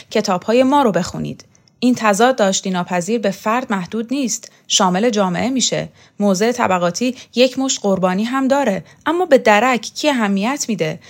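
A woman's voice: medium pitch, natural voice. A woman reading a novel aloud, voicing a young man who lectures in a scornful, preachy way. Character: sharp-tongued young male student, lecturing and scornful.

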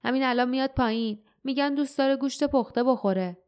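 A woman voicing a coarse, cruel male guard with harsh, hurried speech. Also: high-pitched, darkish tone, clean tone, voice pushed up, close to an everyday voice. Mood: gruff.

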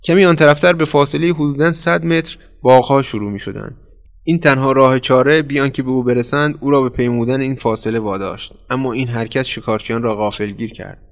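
Male storyteller, steady mid voice, measured dramatic narration. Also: medium pitch. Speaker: audiobook narrator. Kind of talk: scripted narration.

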